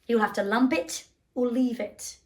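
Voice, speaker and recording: A woman's voice: a little high, steady tone, normal speed, lightly acted. A woman playing a headstrong young English girl in a British accent, in a theatrical audition monologue. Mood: haughty. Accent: put-on British. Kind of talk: audition self-tape monologue.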